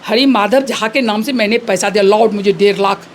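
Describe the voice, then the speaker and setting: A woman's voice: medium pitch, brisk, slight background noise. A woman in her fifties retelling how she was scammed, acting out the dialogue with feeling. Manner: animated, acts out quoted dialogue. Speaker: fraud victim. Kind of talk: emotional retelling.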